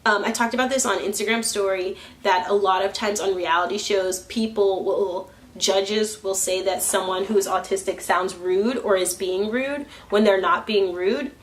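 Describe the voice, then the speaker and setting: A young woman speaks openly to her camera in a relaxed, chatty vlog. She laughs often and slips into quick impressions of other people while she talks. She is curling her hair as she goes. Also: medium pitch. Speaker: vlogger. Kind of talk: candid personal vlog.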